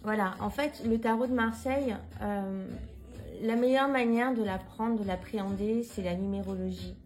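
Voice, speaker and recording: A woman's voice: medium pitch, normal speed, darkish tone, soft background music, low-quality recording. A woman talking casually to her viewers as a tarot reader, hesitant, with many fillers and restarts, frank and informal. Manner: frank and informal, mild swearing. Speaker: tarot reader presenting books. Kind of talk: casual vlog talk.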